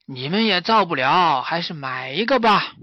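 A man's voice: fairly high pitch, lively intonation, normal speed, no echo, natural voice. A man voicing an impatient, bearded old martial arts master in a children's story, lecturing in an exasperated tone. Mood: explaining. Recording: slightly muffled dry recording.

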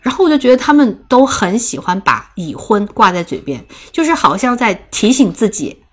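A young woman co-hosting a casual chat show, telling a story with lively energy and frequent laughter. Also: on the high side, normal speed, slightly rough. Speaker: podcast co-host.

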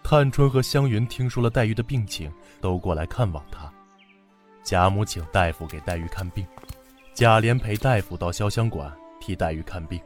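A man narrating a classic novel for children in an expressive, dramatic storytelling manner. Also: on the low side, moderate pace, faint music behind.

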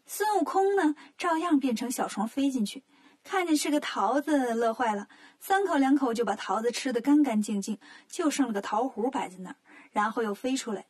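A woman reads a children's story aloud with lively, expressive storytelling. Her voice is high and breathy. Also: normal speed.

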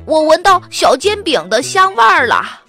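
A woman voicing an eager, cheerful young schoolboy in a children's storybook, with a lively, animated voice. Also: on the high side, measured pace, soft background music. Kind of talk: children's audiobook reading.

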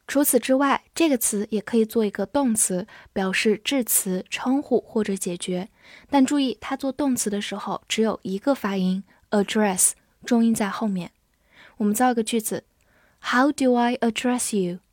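A woman teaching English vocabulary, spelling words letter by letter and reading example sentences slowly. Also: a little high, a little mellow, no echo, clean studio sound. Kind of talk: vocabulary lesson.

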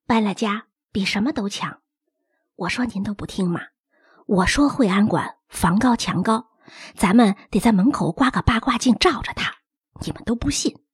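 A woman's voice: medium pitch, lively intonation, normal speed, slightly rough, dry recording, studio quality, pitched below the performer's own voice. A woman doing a fretful, gossipy old nanny. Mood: relieved. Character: chatty superstitious older nanny woman. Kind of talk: audiobook character reading.

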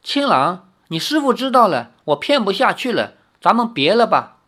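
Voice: medium pitch, sing-song, normal speed, a bit bright, pitched above the performer's own voice. A storyteller voicing a sly young demon woman who teases and scorns, in a storybook reading. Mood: teasing. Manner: teasing, coy, scornful.

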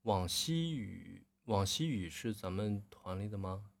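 Male voice coach, low and husky, keeps clearing his throat while giving live-stream critiques. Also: measured pace. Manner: frequent throat clearing, relaxed corrective tone.

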